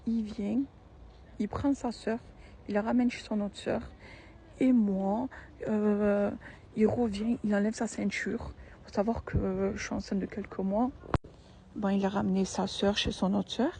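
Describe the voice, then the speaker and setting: A woman's voice: medium pitch, fairly even intonation, a little slow, creaky, warm tone, a little hiss or hum. A young woman, telling a personal story in a casual, slangy, emphatic and repetitive way.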